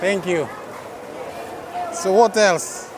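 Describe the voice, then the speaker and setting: A Texan man with a high-pitched, very slow voice chats his way through an outdoor night food court as a travel vlogger, often exclaiming in wonder. It's casual walking vlog narration, recorded in a noisy, crowded street market with crowd chatter and traffic around him.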